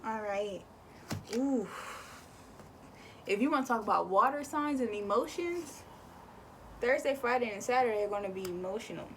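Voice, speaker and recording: A woman's voice: mid-range voice, expressive, moderate pace, a bit bright, a little hiss or hum. Casual woman doing a card reading. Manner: chatty, repeats words, swears casually. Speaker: tarot and oracle card reader.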